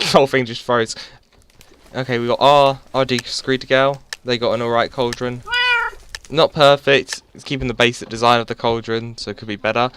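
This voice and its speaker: A man's voice: medium pitch, fairly bright tone, a little hiss or hum. A man rambling and joking to himself while giving casual gameplay commentary on a headset mic. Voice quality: chatty, rambling, self-mocking, with many restarts. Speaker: gaming YouTuber. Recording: game music playing behind.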